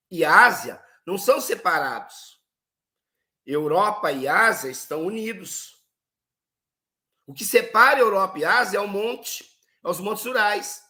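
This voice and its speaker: A man's voice: high-pitched, pushed and bright. A man giving a lecture, explaining step by step and asking rhetorical questions that he then answers himself. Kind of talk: lecture on history and geopolitics.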